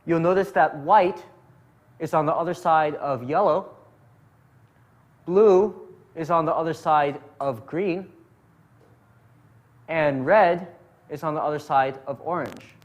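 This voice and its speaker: Speaking slowly with long pauses, a man whose voice sits on the high side narrates a puzzle method as an instructor. His step-by-step tutorial is patient and methodical.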